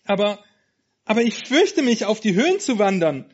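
A man's voice: on the high side, animated, takes it slowly. A man voicing a timid, frightened young female sheep who stammers anxiously in a storybook reading. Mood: fearful. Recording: dull lo-fi sound.

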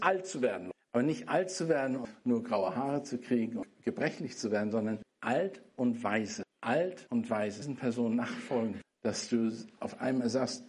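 A man's voice: medium pitch, a little mellow, breathy edge. A middle-aged man preaching a sermon on a Bible passage, earnest and repeating phrases for emphasis.

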